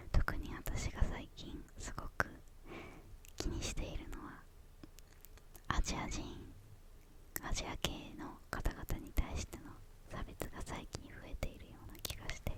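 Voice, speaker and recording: Short phrases separated by hesitant pauses come from a young woman whispering breathily and softly as she responds to questions ASMR-style.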